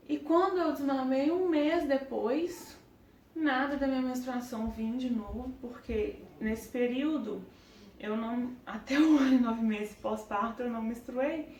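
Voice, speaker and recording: A woman's voice: on the high side, darkish tone, echoey room, far from the mic, slight background noise. A young woman with a Brazilian Portuguese accent, telling a personal story to her vlog camera in an earnest way, in short broken phrases. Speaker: parenting vlogger.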